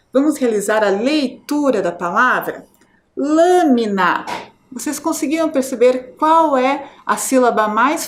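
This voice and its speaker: High, lively teacher sounding out syllables. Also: female voice. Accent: Brazilian Portuguese. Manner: slow, syllable-by-syllable drawn-out pronunciation; frequent checking "tá?" with the children. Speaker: primary school teacher. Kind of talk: video lesson for children.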